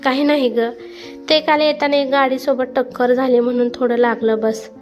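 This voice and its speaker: A woman's voice: sits high, flat delivery, moderate pace, a little mellow, soft background music, natural voice. A woman voicing a troubled young man.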